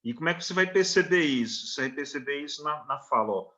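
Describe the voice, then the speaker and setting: Bright Brazilian man explaining step by step. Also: a little high, animated, fast talker. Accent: Brazilian Portuguese. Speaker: literature teacher. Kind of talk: recorded online lecture.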